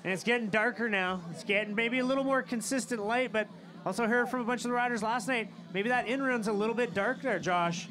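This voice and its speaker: Upbeat male sports commentator, high voice. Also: fairly quick, music in the background. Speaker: event commentator. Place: outdoor ski event.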